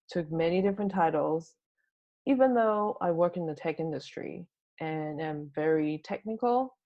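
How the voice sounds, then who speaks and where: A woman from Taiwan giving a prepared tech talk as a conference speaker, explaining things in a measured way. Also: on the low side, highs cut off. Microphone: home recording for online talk.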